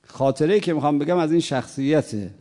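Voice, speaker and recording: A man's voice: on the high side, mellow, long reverb tail. A man preaching a sermon, telling a story and acting out the quoted dialogue.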